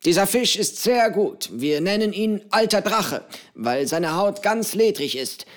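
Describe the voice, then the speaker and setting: A man's voice: high-pitched, lively intonation, measured pace, voice pushed up. A male narrator voicing a jolly, eccentric old pirate who cooks on an island, speaking with a hearty manner. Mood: jovial.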